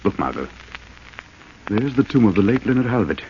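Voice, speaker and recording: An actor playing a composed, self-assured gentleman sleuth in a 1940s radio drama, suave and protective in manner. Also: lowish voice, sing-song, normal speed, a little hiss or hum. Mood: calm, watchful. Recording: muffled old radio recording.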